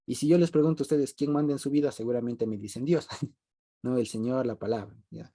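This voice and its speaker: A man leads a relaxed group Bible study in a mellow, dark-toned voice. He talks conversationally, circles back to repeat his main points, and often breaks into a brief chuckle. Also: medium pitch, a little fast. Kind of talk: informal group Bible teaching.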